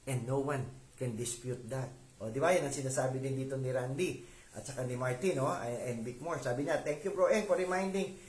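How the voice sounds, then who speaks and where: A man's voice: medium pitch, normal speed, darkish tone. A man giving an informal sermon in Filipino and English, talking to listeners and often asking them to agree. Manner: conversational, asks listeners to agree. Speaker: lay preacher. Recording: echoey room with faint background noise.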